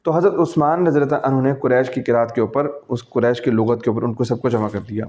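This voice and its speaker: A man's voice: mid-range voice, steady tone, mellow. A male teacher with a Pakistani accent gives a conversational, classroom-style lecture, explaining patiently and often checking that students follow. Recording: dull lo-fi recording.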